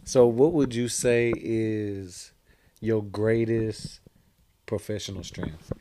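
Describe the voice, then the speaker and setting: A man's voice: on the low side, fairly even intonation, slow, dark tone, slight background noise. Slangy man interviewing. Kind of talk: casual chat.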